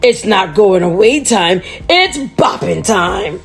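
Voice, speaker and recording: A woman voicing a teasing bully of a big brother with a raspy voice. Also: mid-range voice, animated, slow, soft background music. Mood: taunting.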